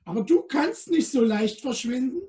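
A man voicing a tiny, cheeky female Christmas fairy who squeaks and bosses people around. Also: lively intonation, moderate pace, warm tone, distant mic. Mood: scolding. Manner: bossy, mocking, squeaky.

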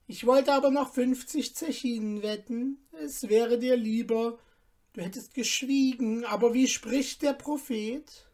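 A woman's voice: a little high, steady tone, a little slow, a little mellow, voice pushed up, lightly acted. A woman reading an audiobook and voicing a man, a meek and sly merchant who answers evasively.

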